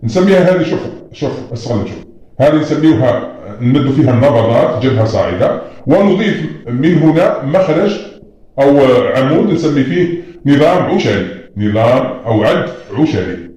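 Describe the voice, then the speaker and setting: A man's voice: medium pitch, big pitch swings, brisk, warm tone, muffled recording. A man teaching a lesson, patiently explaining at a board and often telling students to look closely. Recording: very echoey room.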